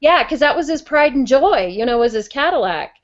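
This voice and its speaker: A middle-aged woman co-hosting a talk show, chatting casually and telling stories in an animated way. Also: high voice, brisk, highs cut off, slight background noise. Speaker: co-host of a paranormal talk show. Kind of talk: casual chat and storytelling. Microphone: video call.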